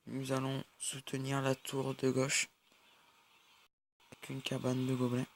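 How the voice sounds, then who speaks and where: A man's voice: mid-range voice, completely flat delivery, unhurried, vocal fry, slight background noise. A young man giving casual mobile-game commentary over a recording of his screen, hesitant and full of fillers. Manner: hesitant, many fillers and restarts. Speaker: gaming YouTuber.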